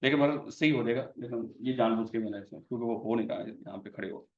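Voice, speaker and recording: A man's voice: medium pitch, fast. A male accounting lecturer with a Pakistani Urdu accent, teaching a class and answering his own questions while calling his students "my child". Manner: fond, keeps calling students 'my child'. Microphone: camera at a distance. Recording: echoey classroom, distant and dull.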